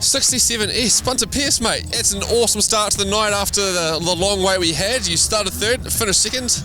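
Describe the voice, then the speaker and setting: A man's voice: high voice, brisk, poor audio. A young man with a New Zealand accent, interviewing drivers informally and in a friendly way at an outdoor race meeting. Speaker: commentator and pit interviewer. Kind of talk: casual sports interview. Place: outdoors in speedway pits. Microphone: handheld interview microphone. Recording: loud music behind trackside speech.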